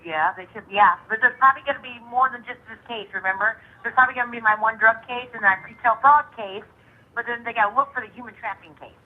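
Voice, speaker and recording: A woman calling in from jail, talking over a prison phone line in a casual, loose way that trails off. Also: a little high. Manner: talks fast and loosely, trailing off. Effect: heard over a prison phone line.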